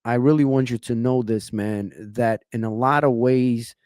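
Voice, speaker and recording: A man's voice: medium pitch, steady tone, moderate pace, a little mellow, smooth, no echo. A young man from Ukraine hosts a podcast in a fired-up, persuasive way, leaning on "man" and "you know" as he builds his argument. His mid-range voice is recorded close and dry, with no room sound. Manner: impassioned, repeats "man" and "you know what I'm saying". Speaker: podcast host. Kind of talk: podcast interview.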